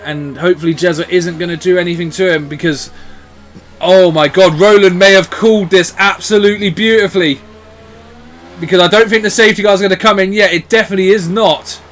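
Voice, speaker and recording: A man commentating live on motor racing as a motorsport commentator, in an excitable, exclamatory way. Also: high-pitched, a little fast.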